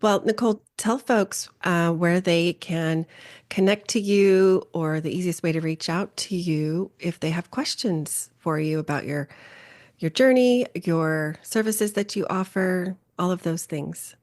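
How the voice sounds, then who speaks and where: A woman hosting a podcast interview, upbeat and affirming, asking quick questions. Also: on the low side, darkish tone. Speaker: podcast host. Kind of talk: friendly interview hosting and outro.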